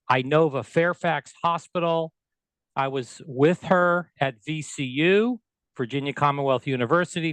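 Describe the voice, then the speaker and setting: Smooth-voiced middle-aged male podcast host. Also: a little high, fairly bright tone, dry recording, rough recording. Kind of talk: podcast interview.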